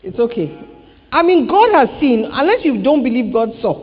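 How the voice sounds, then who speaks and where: A woman preacher delivers a sermon line by line, animated, voicing people's remarks with quick exclamations. The sound is muffled and dull, with a long hall reverb trailing each phrase. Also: sits high. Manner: animated, acts out quoted remarks with short exclamations. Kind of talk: sermon preached in English with live interpretation.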